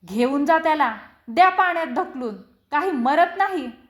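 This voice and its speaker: A woman's voice: high voice, lively intonation, moderate pace. A woman voicing a stern but loving middle-aged village mother who scolds and pleads. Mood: scolding. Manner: scolding, then tearful and pleading. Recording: roomy echo.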